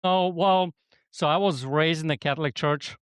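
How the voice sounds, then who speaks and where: A man's voice: a little high, normal speed, clean tone, no room sound. A middle-aged man from Poland, a podcast guest and business coach, talking casually and rambling with lots of "you know what I mean". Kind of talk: casual conversation.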